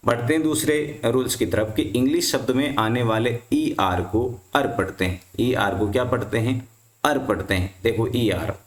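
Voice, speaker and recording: A man's voice: medium pitch, moderate pace, roomy sound. A male teacher explaining rules to students, who asks the class a question and then answers it himself.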